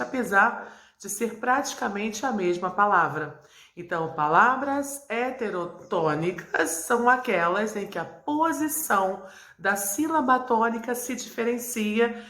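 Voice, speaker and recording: A woman from Brazil, a Spanish teacher, explaining terms in a clear, didactic way and repeating key points. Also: medium pitch, fairly bright tone. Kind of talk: video lesson to camera. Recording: echoey room.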